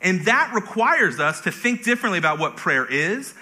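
A man's voice: high voice, big pitch swings, moderate pace, bright, forceful tone. A man preaching a conversational sermon as pastor, with self-deprecating humor.

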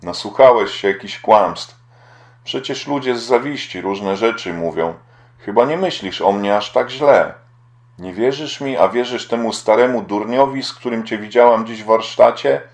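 A tearful young woman pleads and pities herself, as a man reads her in an audiobook. His low voice rises somewhat for her. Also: normal speed, close to an everyday voice. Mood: pleading. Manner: pleading, self-pitying.

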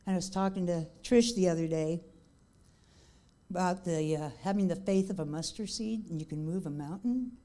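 An older woman giving a heartfelt testimony in church, slowing down on key points. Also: on the low side, warm tone. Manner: heartfelt, slow when emphatic.

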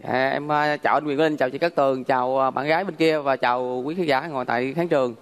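A man's voice: mid-range voice, steady tone, fast talker, clean tone. A man in his thirties with a Southern Vietnamese accent, a dating-show contestant talking earnestly with many hesitant fillers. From Dong Thap, Vietnam. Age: 30s. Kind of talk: self-introduction on stage. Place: TV studio.

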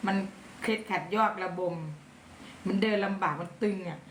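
A woman's voice: mid-range voice, moderate pace. A middle-aged woman with an Isan accent chatting casually on a live stream, thanking viewers and mixing dialect words into her talk. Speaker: livestream seller. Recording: echoey room with background noise.

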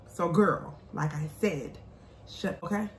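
A woman vlogger with a fairly low voice talks bluntly to her viewers in casual chat. She is sassy and emphatic. The room is echoey, with faint noise behind her. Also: slow. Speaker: vlogger and mukbang host. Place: indoors, small bare-walled room at home. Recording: roomy echo, faint background noise.

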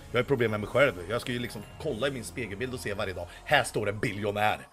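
Hoarse male streamer, crude boastful banter, faint music under him. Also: mid-range voice, a bit bright. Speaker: livestreamer. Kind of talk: casual livestream chat, reading chat.

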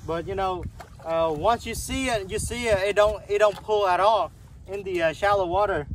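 A man's voice: high-pitched, moderate pace, rough recording. A man in his thirties casually narrating a fishing trip from a canoe on a lake, chatty and repetitive, pointing things out as he works. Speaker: fishing vlogger. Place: canoe on an open lake, outdoors. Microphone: camera mounted on the canoe, a few feet away. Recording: windy outdoor lake noise. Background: wind and lapping water.

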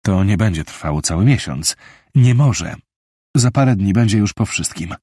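A man reading a calm, reasoning investigator. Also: fairly low pitch, normal speed, breathy edge, dry recording, clean studio sound. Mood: measured. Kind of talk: audiobook character reading.

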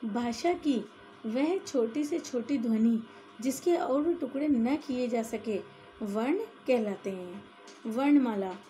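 A woman's voice: high-pitched, warm tone. A woman teaching a grammar lesson, explaining step by step and often checking in with her listeners.

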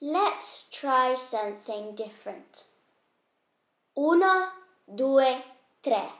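A woman acting as a patient teacher in a playful classroom skit for children, speaking clearly with mock-strict moments. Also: sits high, expressive, extremely slow, a bit bright. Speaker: co-host playing a teacher. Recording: roomy echo.

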